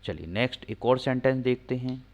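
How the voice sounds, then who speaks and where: A man teaching English grammar, slowly spelling out example sentences word by word and asking questions he answers himself. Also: mid-range voice. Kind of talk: classroom-style explaining lesson. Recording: slightly dull lo-fi recording.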